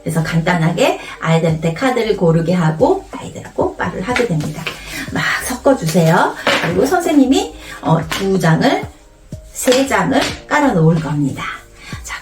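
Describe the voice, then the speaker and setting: A woman's voice: mid-range voice, moderate pace. A woman teacher demonstrating a memory card game in a playful, classroom-style way. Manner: animated, playful teacher voice with exaggerated storytelling. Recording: roomy, a bit distant from the mic, faint music.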